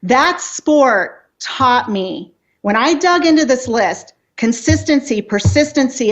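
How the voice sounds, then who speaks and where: A woman's voice: fairly high pitch, muffled recording. A woman in her fifties, a life coach talking earnestly and motivationally as an interview guest, with frequent restarts. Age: 50s. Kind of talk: casual interview chat.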